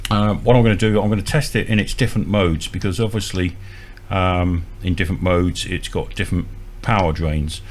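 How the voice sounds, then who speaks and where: A man talks fairly quickly with hardly any pauses, his low voice fairly even in intonation, while informally demonstrating equipment step by step with a hesitant delivery. The setting is a small indoor bench, and electrical hum and noise are audible.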